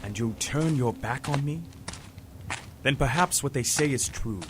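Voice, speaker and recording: A man playing a calm, high-minded mentor professor in an audio drama, formal, measured and persuasive. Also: noisy background, lightly acted. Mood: challenging.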